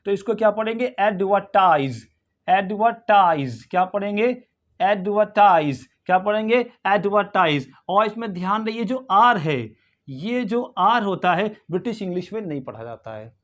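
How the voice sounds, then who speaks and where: A man teaching English pronunciation, asking and answering his own questions and repeating each word slowly. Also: high-pitched, muffled recording. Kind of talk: pronunciation lesson in Hindi.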